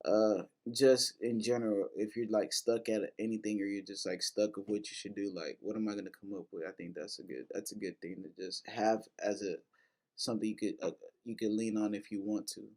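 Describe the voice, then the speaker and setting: A man's voice: fairly low pitch, fairly even intonation, fairly quick, a little mellow. A man hosting a casual lesson that breaks down rap lyrics, talking loosely with lots of fillers, restarts and casual swearing. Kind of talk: casual explanatory commentary.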